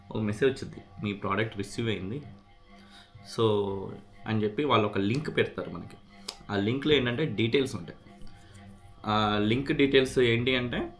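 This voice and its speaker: A man with a fairly low, fairly bright voice talks casually in a vlog, explaining things and slipping English words into his speech. He's sharing his experience getting a product repaired, with some unboxing along the way.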